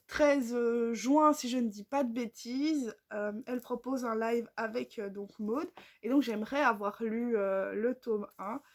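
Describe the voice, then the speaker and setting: A woman's voice: on the high side, a little mellow. A woman chatting casually about books on her vlog, with many fillers and restarts. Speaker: book vlogger. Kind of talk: casual book chat.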